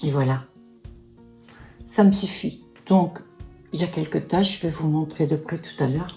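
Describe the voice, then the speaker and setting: Soft music plays behind this beauty vlogger in her sixties, whose low-pitched, dark voice moves at a normal speed. She chats her way through a makeup tutorial and product review, sprinkling in asides along with plenty of "hein" and "voilà".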